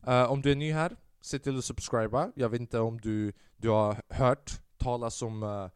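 A man's voice: medium pitch, steady tone, clean tone, no room sound, clean studio sound. A young man hosting his own podcast, rambling and self-mocking, swearing a lot and dropping English phrases into casual talk. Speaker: podcast host. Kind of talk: casual solo podcast monologue.

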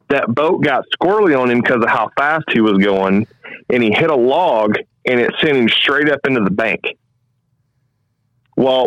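Casting: man from the Midwest, animated storyteller, dry close sound, slightly dull audio. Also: mid-range voice, no room sound. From American Midwest. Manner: animated, quick storytelling with acted-out quotes. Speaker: podcast host telling a hunting story. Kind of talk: casual storytelling.

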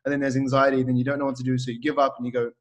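A man hosting a podcast as a fitness coach, talking in a relaxed, rambling way with lots of fillers. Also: medium pitch, very fast. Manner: relaxed, rambling, heavy on fillers like "like" and "you know". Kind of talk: casual podcast chat.

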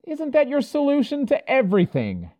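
A man's voice: extremely high pitch, wildly swooping pitch, moderate pace, warm tone, exaggerated voice. Man playing an indignant heroic knight. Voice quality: impassioned, indignant. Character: dashing heroic knight, earnest and hot-headed.

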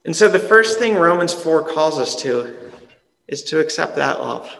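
A male pastor giving a sermon in an earnest, conversational way, often dropping soft and slow for emphasis. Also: fairly high pitch, animated, vocal fry, in a large hall, low-quality recording.

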